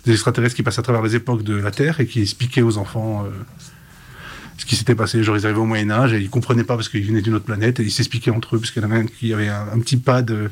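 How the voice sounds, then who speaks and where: Fast-talking husky male voice actor. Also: fairly low pitch, little pitch movement. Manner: rapid, enthusiastic storytelling. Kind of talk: casual interview chat.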